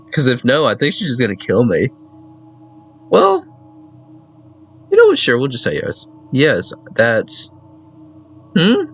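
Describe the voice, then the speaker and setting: A man's voice: mid-range voice, fairly bright tone, husky, low-quality recording. A man hosting a casual let's-play, joking and reading choices aloud, saying "sigh" and "cough" as words. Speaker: gaming video host.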